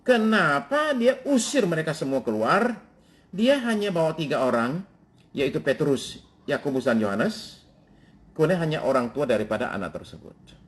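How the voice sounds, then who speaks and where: Male pastor, fairly high animated voice, sermon mixing formal reading with street-casual asides. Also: moderate pace. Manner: animated preaching, switches between formal scripture reading and casual Jakarta slang.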